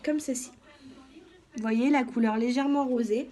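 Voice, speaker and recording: A woman giving a calm, step-by-step makeup tutorial as a beauty vlogger, often saying "donc" and "voilà". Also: a little high, normal speed.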